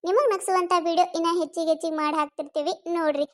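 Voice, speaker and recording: A woman's voice: very high-pitched, steady tone, very fast. A woman with a North Karnataka accent, a channel host making friendly requests to the viewers. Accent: North Karnataka Kannada. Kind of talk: channel outro.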